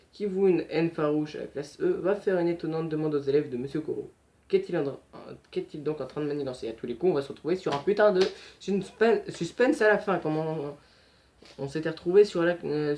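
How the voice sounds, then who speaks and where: Handling the items and muttering to himself, a young man narrates an unboxing in a casual, chatty way, often correcting what he says. His voice is fairly high-pitched with a darkish tone.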